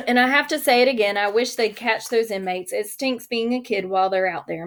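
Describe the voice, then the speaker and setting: An earnest young girl, read by a woman narrator writes a worried, plain-spoken letter. The voice sits a little high. It is an audiobook reading. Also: natural voice.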